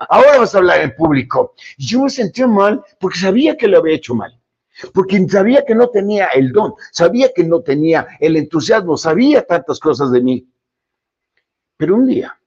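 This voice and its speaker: A man's voice: on the high side, husky, highs cut off. A Mexican man in his fifties hosting a podcast, giving a reflective, self-deprecating motivational monologue with rhetorical questions. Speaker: podcast host.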